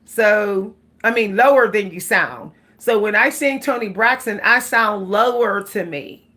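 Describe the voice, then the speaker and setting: Hosting a relaxed livestream, a woman talks a little slowly in a mid-range voice that sounds pushed and bright. She chats with viewers, laughs frequently and now and then starts singing.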